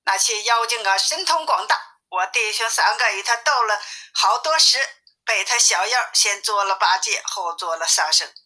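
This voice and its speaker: A woman's voice: mid-range voice, normal speed, sharp tone, poor audio. A woman reading the lines of a bold, boastful male monkey king in a storybook reading. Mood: urgent, confident.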